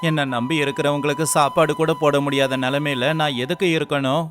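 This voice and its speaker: A man's voice: a little high, fairly even intonation, a little fast, a bit bright, soft background music, close to an everyday voice. A man playing a despairing poor fisherman. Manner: tearful, lamenting, earnest. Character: poor young fisherman, despairing yet kind. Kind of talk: storybook voice acting.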